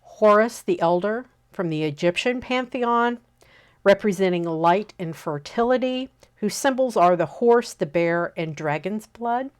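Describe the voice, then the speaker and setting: A woman in her fifties hosting a relaxed spoken lesson, unhurried and often pausing to check in with an "okay?". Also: mid-range voice, clean tone. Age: 50s. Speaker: host teaching on pagan practice.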